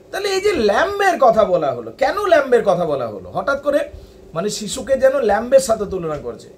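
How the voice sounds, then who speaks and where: A man teaching a poem, reading each English line very slowly and then explaining it in Bengali. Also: extremely high pitch. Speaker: literature teacher.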